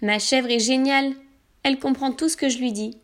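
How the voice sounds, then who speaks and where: A woman reading a children's storybook in the first person, animated and acting out every emotion. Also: high-pitched, a little fast. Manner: animated, acts out emotions as a girl.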